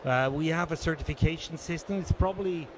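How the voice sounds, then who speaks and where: A man in his sixties from Switzerland, giving a measured, businesslike conference interview into a handheld mic, pausing often. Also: fairly high pitch, noisy background. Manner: measured, businesslike, many hesitations. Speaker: interviewee, association treasurer. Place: conference booth indoors.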